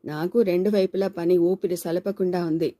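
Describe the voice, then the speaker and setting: A woman's voice: on the low side, steady tone, normal speed, mellow, close to an everyday voice. A woman reading a novel aloud and voicing a stern, blunt middle-aged man in a firm, scolding manner.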